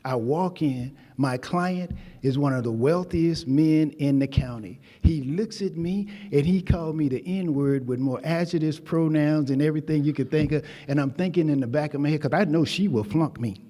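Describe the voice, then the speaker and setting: A man's voice: a little high, moderate pace, few pauses, dark tone. An older man, originally from Texas, giving an emphatic, folksy commencement speech to graduates at a convocation ceremony, speaking at a podium microphone. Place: ceremony hall. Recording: long hall reverb.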